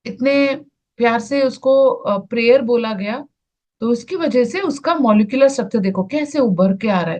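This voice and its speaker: An Indian woman speaks slowly to an online group as a spiritual teacher. Her voice sits a touch high. She stops often to find her words while sharing her screen.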